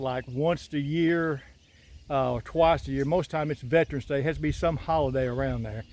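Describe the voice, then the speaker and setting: High-voiced Southern man with a drawl. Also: darkish tone, a little hiss or hum. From Southern United States. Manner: folksy, rambling, chatty. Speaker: homesteader filming his garden. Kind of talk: casual walkthrough vlog. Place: outdoors in a rural garden. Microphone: phone on selfie stick.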